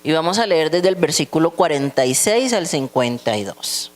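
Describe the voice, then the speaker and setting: A woman's voice: low-pitched, lively intonation, normal speed. A woman teaching a church Bible lesson, asking the class questions and reading scripture aloud.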